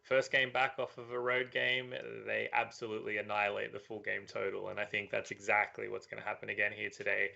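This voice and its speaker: A man talking as a sports betting analyst, giving a measured, analytical preview with frequent fillers. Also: on the low side, flat delivery, gravelly, bright, forceful tone. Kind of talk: casual betting preview chat. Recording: dull lo-fi audio.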